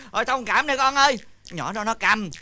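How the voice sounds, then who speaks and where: A man's voice: very high-pitched, normal speed, sharp tone, full character voice. An actor playing an exasperated older village fortune-teller and father in a comedy sketch. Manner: exasperated, theatrical sighing and laughing. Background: background music.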